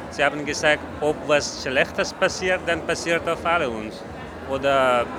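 A man from Afghanistan, speaking simple, halting German with pauses in a casual interview in a large event hall. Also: fairly high pitch, noisy background.

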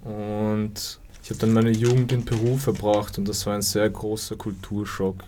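Young guy on a radio interview, lowish voice, pretty monotone, kinda hesitant. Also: normal speed, a little hiss or hum. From Vienna, Austria. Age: young adult. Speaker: guest artist.

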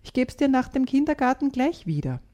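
A woman's voice: high voice, sing-song, brisk, dark tone, pitched above the performer's own voice. A woman voicing a stubborn little girl. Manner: firm, then wheedling. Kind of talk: reading a children's story aloud.

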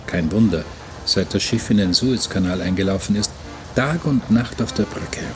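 For a radio play, an actor voices an observant novice galley hand reading his voyage diary in a measured, reflective manner. His natural voice sits on the low side, with faint music in the background.

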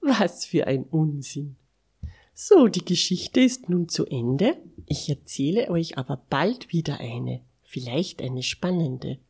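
A woman reading a bedtime story to children, expressive and dropping to a whisper for asides. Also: low-pitched, slow, breathy edge.

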